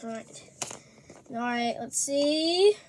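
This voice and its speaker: A young vlogger chatting casually to viewers while unboxing toys, easily distracted and slightly hoarse. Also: high voice, lively intonation, takes it slowly, a little hiss or hum.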